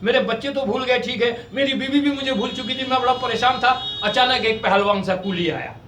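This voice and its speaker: High, bright-voiced male comedian on stage. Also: brisk, a little hiss or hum. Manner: lively storyteller who switches into character voices. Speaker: stand-up comedian. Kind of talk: stand-up storytelling with acted voices. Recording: echoey stage sound from a distance.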